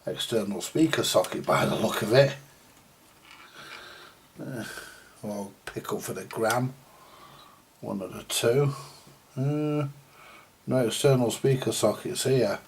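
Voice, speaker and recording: A British man who repairs vintage radios presents a video, his medium-pitched voice moving slowly with frequent pauses. He talks casually and colloquially through the hands-on work, thinking aloud and muttering to himself with a mild grumble. There's slight background noise.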